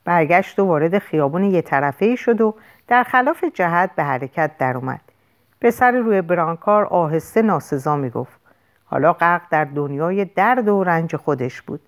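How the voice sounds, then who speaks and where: A woman reading a first-person audiobook with an expressive, dramatic delivery. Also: lowish voice. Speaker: audiobook narrator.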